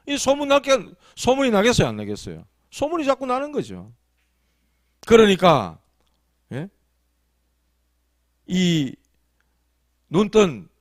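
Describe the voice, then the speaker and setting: Lively male pastor preaching with questions. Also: high voice, no room sound, clean studio sound. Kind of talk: afternoon sermon. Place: small church sanctuary.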